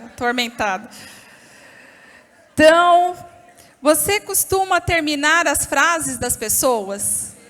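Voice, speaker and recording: A Brazilian woman speaking at a church women's event, telling stories lively and expressively and talking straight to the audience. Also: sits high. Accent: Brazilian Portuguese. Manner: lively, expressive storytelling, addresses the audience directly. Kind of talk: storytelling church talk. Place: church hall. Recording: long reverb of a church hall.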